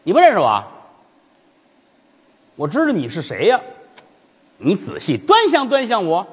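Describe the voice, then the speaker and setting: Guy doing a high squeaky kid voice, centipede spirit boy, keeps repeating himself, roomy echo. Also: wildly swooping pitch, a little slow, husky, heavily acted. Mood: teasing. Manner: high childish pleading, repeating words.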